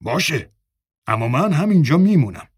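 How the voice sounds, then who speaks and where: A man's voice: fairly high pitch, big pitch swings, breathy edge, dry recording, studio quality, pitched above the performer's own voice. A man voicing a stubborn, loyal friend who insists on staying.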